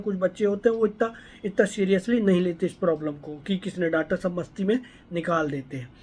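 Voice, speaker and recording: A man's voice: sits high, a little mellow, husky. A man, a homeopathy doctor, walking listeners through a patient case and often checking that they follow. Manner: explanatory, keeps checking in with listeners. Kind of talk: explaining a patient case to students.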